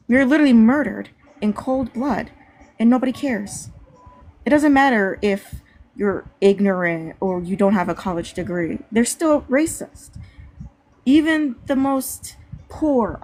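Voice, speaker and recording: A woman's voice: mid-range voice, a little mellow. A woman speaking out bluntly and with fire in a live discussion, swearing freely. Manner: blunt, fiery and profane. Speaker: panel discussion participant.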